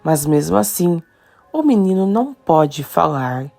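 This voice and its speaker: A woman voicing a stern, formal male judge who speaks slowly and measuredly. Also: fairly low pitch, big pitch swings, gravelly, warm tone, faint music behind, exaggerated voice.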